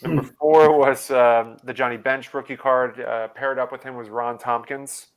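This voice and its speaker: A man's voice: medium pitch, steady tone, moderate pace, smooth. A man hosting a live online trivia quiz over a video call, talking with hesitant fillers and restarts. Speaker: trivia host.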